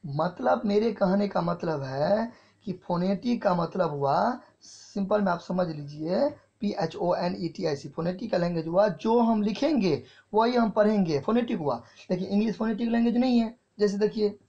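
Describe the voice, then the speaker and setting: A man teaching English in a classroom lecture, speaking English with an Indian accent, repeating key phrases slowly as if dictating and often checking if it's clear. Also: high-pitched, dark tone. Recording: dull lo-fi sound.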